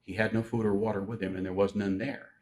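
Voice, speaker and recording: A man preaching a sermon in a conversational teaching style, joking with the congregation and slowing down to stress key words. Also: on the low side, level tone, a little mellow.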